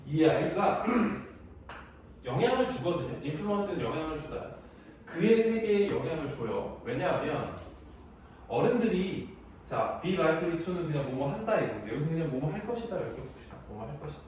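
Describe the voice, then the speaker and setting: A man's voice: fairly high pitch, sing-song, moderate pace, darkish tone, far from the mic. A young adult man teaching an English exam lesson in a casual, chatty way, laughing often as he tells stories. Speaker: high school English teacher. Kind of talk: casual classroom lecture. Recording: very echoey room, voice from the mic, faint noise.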